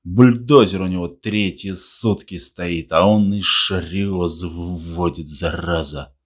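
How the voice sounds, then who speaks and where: A man doing a gruff, curt foreman. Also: sits low, steady tone, takes it slowly. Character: gruff male village foreman, blunt.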